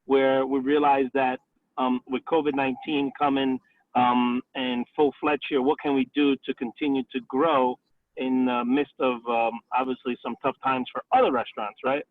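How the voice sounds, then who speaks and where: A man's voice: mid-range voice, little pitch movement, normal speed. A man in his forties, a restaurant owner and chef, talking casually in a career interview and filling his answers with "um" and "you know". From Italy, raised in the Bronx, New York. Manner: chatty, many fillers like "um" and "you know". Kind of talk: career interview over a call. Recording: tinny phone-like line, dry.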